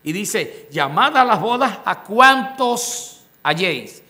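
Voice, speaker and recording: A pastor with a high, bright, pushed voice preaches a sermon slowly, with big swings in pitch. In expository style, he reads scripture aloud and explains it word by word to the congregation, often putting rhetorical questions to them.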